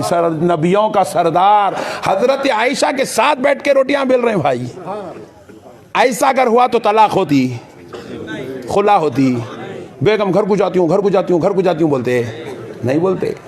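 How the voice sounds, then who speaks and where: Animated high-voiced male preacher. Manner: animated, playful, mimics family members for the crowd. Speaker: Islamic preacher. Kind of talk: sermon.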